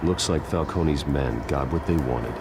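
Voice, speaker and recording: A man playing a grim, menacing masked vigilante detective in a video game, with a terse, gravelly growl. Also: rumbling low, a little slow, very noisy. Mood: terse, analytical. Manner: terse, clipped, threatening. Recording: loud game music behind the voice.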